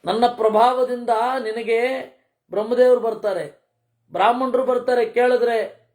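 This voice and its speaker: A speaker giving a scripture discourse, chanting verses slowly and evenly, then explaining them in casual everyday speech with rhetorical questions. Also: mid-range voice, steady tone, darkish tone. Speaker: Purana expounder.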